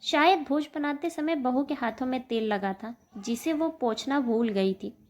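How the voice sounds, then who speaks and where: A woman narrating an emotional family story in a steady storytelling manner. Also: high-pitched, a little slow.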